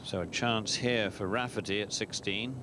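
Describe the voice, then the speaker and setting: A male golf commentator describes the play live in a fairly low voice. Clear outdoor ambience and noise sit behind him. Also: steady tone, normal speed. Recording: noisy outdoor broadcast.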